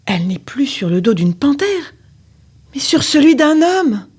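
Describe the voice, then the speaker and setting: A woman reading a children's story aloud with expressive, dramatic storytelling. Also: high-pitched, unhurried.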